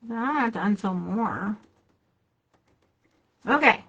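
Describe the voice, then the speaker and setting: A woman's voice: medium pitch, animated, slow, fairly bright tone, husky, muffled recording. A woman hosting a live sewing demonstration, chatting casually to herself and viewers as she works. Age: adult with a child. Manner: chatty, talks to herself while working. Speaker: quilting shop host.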